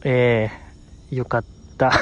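A young man with a Kansai accent chatting casually as a podcast host, animated and laughing, acting out quotes in a high voice. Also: drawn-out words, highs cut off, slight background noise. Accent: Kansai Japanese. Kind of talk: solo casual chat about a variety show.

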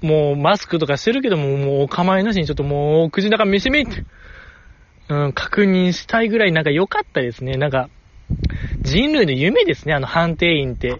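A man with a Kansai accent hosting a solo podcast in casual chat, excitable, his pitch jumping when he gets enthused. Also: brisk, lo-fi sound. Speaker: podcast host.

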